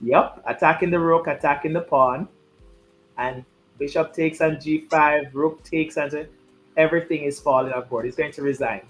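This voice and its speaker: A man's voice: fairly high pitch, fairly even intonation, moderate pace, fairly bright tone, a little hiss or hum, low-quality recording. A man giving live chess commentary and chatting, repeating his key points for emphasis.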